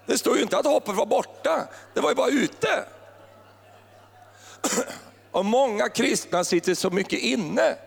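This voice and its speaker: A man's voice: very high voice, expressive, vocal fry, pauses often, husky, big-room sound. A man preaching a sermon in a playful, joking way, full of wordplay. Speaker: pastor.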